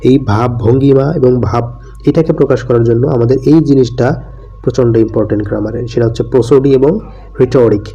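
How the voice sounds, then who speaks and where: A man's voice: medium pitch, fairly even intonation, fast, warm tone, muffled recording, faint music behind. A man teaching an English grammar lesson step by step, asking and answering his own questions and mixing in English terms.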